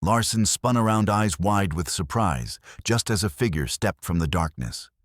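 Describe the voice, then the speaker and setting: A man narrating a scripted western story in a slow, dramatic storytelling manner. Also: deep voice, animated, no room sound, clean studio sound.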